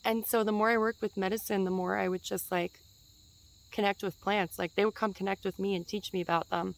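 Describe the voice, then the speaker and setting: A woman's voice: mid-range voice, steady tone, a little fast, creaky, low-quality recording. A woman in her twenties giving a casual spiritual teaching outdoors in a forest, chatty and meandering, with fillers and light laughs.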